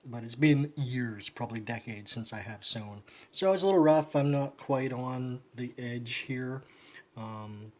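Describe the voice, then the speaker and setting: A man talks casually through a hands-on craft vlog, his pitch sitting in an ordinary middle range. He rambles, trails off and swears offhandedly as he works. The tone is loose and unpolished, like thinking out loud. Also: measured pace. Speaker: vlogger. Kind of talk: casual how-to chat while sewing.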